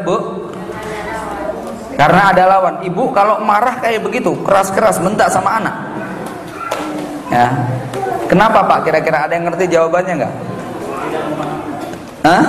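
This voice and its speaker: A man preaching to a live audience, questioning them often, swinging between low asides and high emphatic lines. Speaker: Islamic preacher. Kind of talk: lively religious lecture with audience questions. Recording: echoey hall with crowd.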